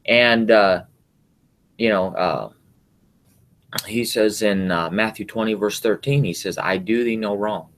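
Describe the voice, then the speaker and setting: A middle-aged man, co-hosting a casual chat with his wife, talking in a rambling, halting way with many fillers. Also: lowish voice, a bit bright, slight background noise. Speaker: podcast co-host, husband. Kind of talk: casual chat about scripture and work.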